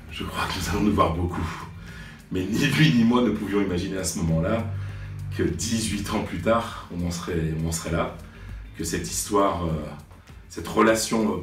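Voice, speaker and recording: A French man in his late forties, a sports journalist, recounting memories in a hesitant way with many fillers and restarts. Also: sits low. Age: 40s. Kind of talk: reflective storytelling to camera. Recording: roomy sound from a distance, faint music.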